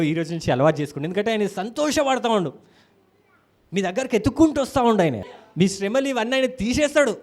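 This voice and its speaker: A man with a Telangana Telugu accent preaching a sermon in a church, animated, acting out quotes and calling hallelujah to the congregation. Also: high-pitched.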